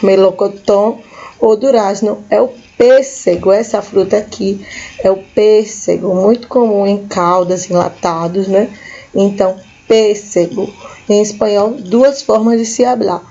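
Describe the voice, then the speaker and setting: Slow, mellow-voiced Brazilian teacher. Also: female voice, medium pitch, fairly even intonation, highs cut off. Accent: Brazilian Portuguese. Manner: slow, patient, repeats each word for young learners. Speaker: school teacher. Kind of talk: recorded classroom lesson for children.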